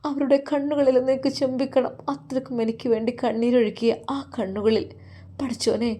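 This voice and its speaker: A woman's voice: a little high, little pitch movement, brisk, voice pushed up, natural voice. A woman voicing a tearful, remorseful young girl. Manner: soft, tearful prayer.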